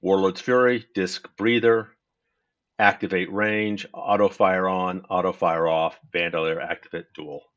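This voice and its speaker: A gaming tutorial host with a low voice walks through his game setup in a casual screen-recorded video. He explains step by step in an unhurried way, correcting himself often, and the audio is dull.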